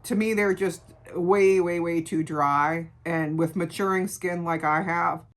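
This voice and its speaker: A middle-aged woman with a gravelly voice, chatting casually through a beauty product review and repeating words for emphasis. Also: fairly low pitch, steady tone, unhurried. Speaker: beauty vlogger.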